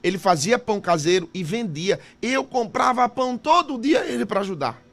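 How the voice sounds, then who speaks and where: A male missionary preacher tells a testimony during his sermon, fervent and emotional. His voice sits high, and his tone is bright and forceful. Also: lively intonation, normal speed, gravelly, faint music behind. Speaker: missionary pastor.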